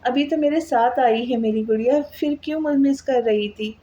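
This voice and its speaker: A man's voice: very high-pitched, moderate pace, dark tone, slight background noise. A woman voicing an affectionate young brother who scolds fondly in a read-aloud novel. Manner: fond, teasing scolding.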